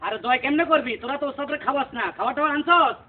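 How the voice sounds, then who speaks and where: A man's voice: extremely high pitch, very noisy. A man, playing a bossy, greedy music teacher in a comedy skit. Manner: bossy, greedy, sings off-key in a drawn-out way. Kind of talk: comic skit acting. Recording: tinny lo-fi audio with loud music.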